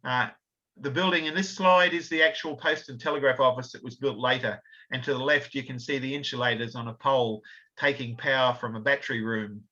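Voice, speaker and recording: A man's voice: mid-range voice, steady tone, brisk, sharp tone. A man gives an illustrated history talk, explaining slides with fillers and self-corrections. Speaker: author and researcher giving a talk. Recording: slightly dull lo-fi audio.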